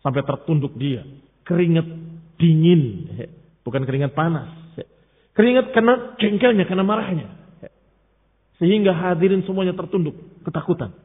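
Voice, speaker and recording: A man's voice: on the high side, animated, normal speed, long pauses. A man giving an emphatic religious lecture on creed, mixing Arabic terms into his explanation and rising sharply when rebuking. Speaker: Islamic teacher. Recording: tinny phone-like sound in a long-reverb hall.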